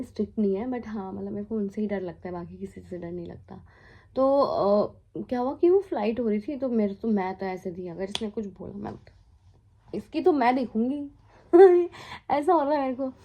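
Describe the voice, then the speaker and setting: A mellow, mid-range voice, expressive and moderately paced, comes from a young Indian flight attendant in her twenties. She's telling a storytime vlog in casual Hindi with plenty of English mixed in, chatting away, laughing and adding asides.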